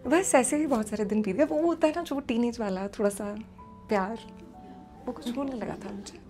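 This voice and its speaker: A young woman performing a comic personal story, chatty and animated, slipping English phrases into her telling. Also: fairly high pitch, normal speed, soft background music.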